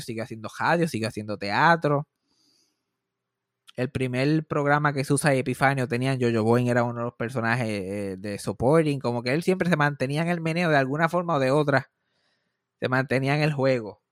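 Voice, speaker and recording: A man with a Puerto Rican accent tells a long story on a podcast in loose, rambling chat, swearing freely and restarting his sentences. His voice sits at an ordinary middle pitch. The sound is dry and close, with no room echo. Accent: Puerto Rican Spanish. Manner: rambling and profane, with frequent restarts. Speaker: podcast host.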